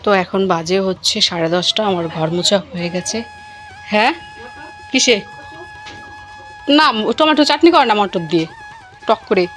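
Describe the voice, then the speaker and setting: A woman's voice: medium pitch, lively intonation, normal speed, pauses often, soft background music. Chatty woman vlogging at home. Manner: chatty, calls out warmly to child and goat. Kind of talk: casual home vlog chat.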